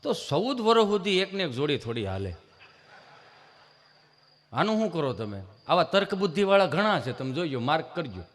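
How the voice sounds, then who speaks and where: This man speaks in a fairly high, sing-song voice at a moderate pace, pausing often, with a Kathiyawadi Gujarati accent. A stage comedian, he spins folksy funny tales at an ashram's live program, acting out the dialogue in other voices, recorded in an echoey venue.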